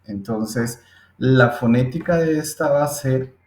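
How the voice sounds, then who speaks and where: A male teacher explains a lesson in a slow, patient way, often checking in with his listeners. His voice is mellow and low-key. The recording has a roomy echo. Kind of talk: screen-recorded English phonetics lesson.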